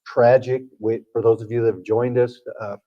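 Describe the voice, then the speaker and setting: A man's voice: medium pitch, flat delivery, moderate pace, lo-fi sound. A man working as a TV meteorologist, explaining the forecast in a folksy way with frequent fillers. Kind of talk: broadcast weather chat.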